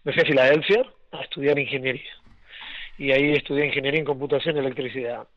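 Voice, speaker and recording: A young man with an Argentine accent, raised in Argentina and Venezuela, tells his story as an interview guest. He speaks fast in a steady, mid-range voice, rambling with many restarts and fillers and laughing often. The recording is muffled but has no echo.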